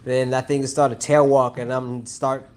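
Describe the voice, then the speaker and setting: A man's voice: mid-range voice, moderate pace. Guy telling a big fishing story, all fired up, casual chat. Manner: excitable, storytelling. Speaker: guest angler.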